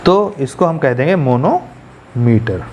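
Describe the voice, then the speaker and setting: A man's voice: medium pitch, big pitch swings, slow, darkish tone, slight background noise. A man teaching poetry as a class lecture, repeating key terms and putting questions to the students. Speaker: English teacher.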